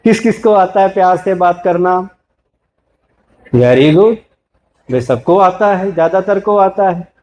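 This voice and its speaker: A man giving a spiritual talk to an audience, gently teaching and repeatedly asking listeners questions before answering them himself. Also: high-pitched, animated. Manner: slow, gentle, repetitive teaching. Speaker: spiritual speaker.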